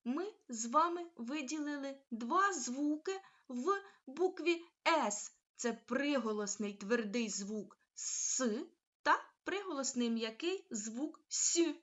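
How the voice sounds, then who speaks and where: A woman teaching young children a phonics lesson, sounding out letters slowly and asking them questions. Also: high voice, lively intonation, a bit bright. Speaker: primary school teacher.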